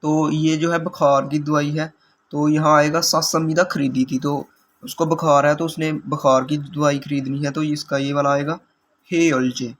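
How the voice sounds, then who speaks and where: A man's voice: on the high side, level tone, moderate pace, fairly bright tone, a little hiss or hum. A man teaching language exam questions, explaining answers patiently step by step.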